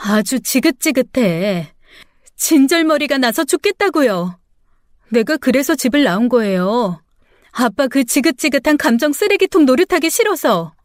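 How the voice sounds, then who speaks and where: A woman voicing a grown daughter who is bitter and defiant toward her father, with sharp, accusing, tearful protests. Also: high-pitched, animated, moderate pace, no room sound, clean studio sound. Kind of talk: radio drama acting.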